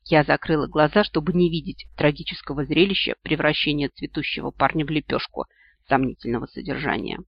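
An audiobook reader narrating comic fantasy in an animated, expressive way. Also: medium pitch, fairly quick, vocal fry, husky. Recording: dull lo-fi dry recording.

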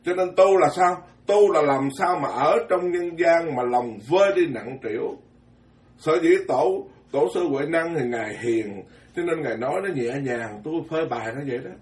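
Monk, folksy and animated Dharma talk, slightly high voice, heard from afar in an echoing room. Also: male voice, moderate pace. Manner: folksy, animated, joking, with many repeated words. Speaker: Buddhist monk. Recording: echoey hall from far off.

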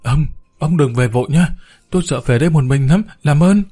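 Guy doing a scared old maid in an audiobook, voice pushed way up high, begging and panicky. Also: fairly quick, warm tone, lightly acted. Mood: terrified pleading. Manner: panicky, pleading. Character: frightened elderly female housemaid.

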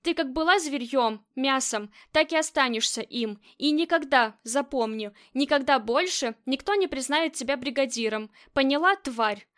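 A woman's voice: high-pitched, animated, normal speed, hardly any pauses, fairly bright tone. A woman voicing a cruel male crime boss who barks menacing orders in an audiobook.

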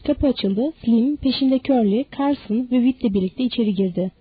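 A woman narrating an audiobook in a steady, measured reading. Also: a little high, breathy edge, no echo, narrow, tinny audio.

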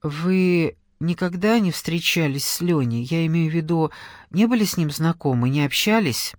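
A man's voice: a little high, expressive, moderate pace, dry recording, clean studio sound, lightly acted. A man reading a hesitant, grieving young woman. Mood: pleading. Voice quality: soft, hesitant.

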